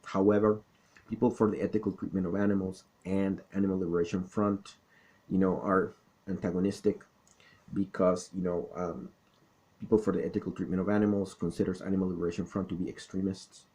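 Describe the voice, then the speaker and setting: A middle-aged man from South Florida with a Florida accent, explaining things in a deliberate, didactic monologue. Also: low voice, level tone, darkish tone. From South Florida, born in the Caribbean. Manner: didactic, deliberate, checks in with "okay?". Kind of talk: explanatory monologue, political talk and recollection.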